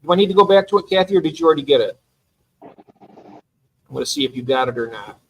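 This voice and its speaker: A man's voice: a little high, expressive, fairly quick, a little hiss or hum, low-quality recording. A man hosting a casual livestream chat, enthusiastic and talkative, often trailing off mid-thought. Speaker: livestream host.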